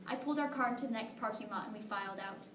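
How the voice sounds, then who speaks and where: A woman's voice: mid-range voice, rapid-fire, natural voice. A woman playing a devoted young mother in a dramatic monologue, telling stories conversationally with asides to listeners. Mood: wistful wonder. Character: devoted young mother fondly recalling her daughter. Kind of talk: dramatic monologue performed at a competition. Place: echoing room, recorded from a distance. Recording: roomy, distant mic with faint noise.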